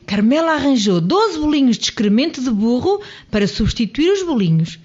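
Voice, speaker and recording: Woman storyteller, children's story, lively swooping pitch, lo-fi radio sound. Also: moderate pace. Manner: expressive, swooping emphasis. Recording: dull lo-fi radio audio.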